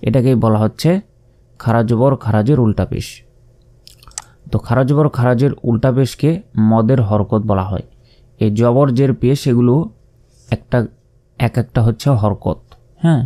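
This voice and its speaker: A man with a Bangladeshi Bengali accent leads a Quran reading lesson. His voice is dark and mellow at a middle pitch, and he explains patiently, saying each letter and sound aloud again and again. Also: normal speed, long pauses. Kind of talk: step-by-step recitation lesson.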